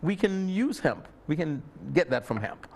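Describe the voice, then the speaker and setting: A man's voice: on the high side, sing-song, normal speed, vocal fry, a little mellow. A man from Saint Kitts, explaining things emphatically as an expert guest in a panel discussion.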